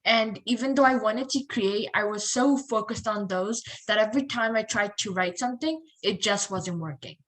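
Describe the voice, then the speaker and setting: A woman's voice: mid-range voice, moderate pace, few pauses, a bit bright, poor audio. A young woman chatting on a podcast as a guest, casual and playful with dry sarcastic humor.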